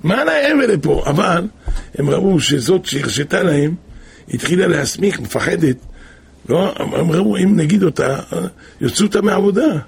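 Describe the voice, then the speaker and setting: A man preaching, telling a moral story in an animated storytelling way with wide swings of pitch. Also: creaky, husky.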